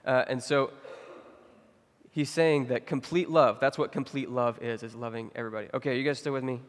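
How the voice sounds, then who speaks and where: A young man giving a sermon as a pastor, talking casually with many fillers and getting animated when he tells stories. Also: medium pitch, fairly quick. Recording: long hall reverb.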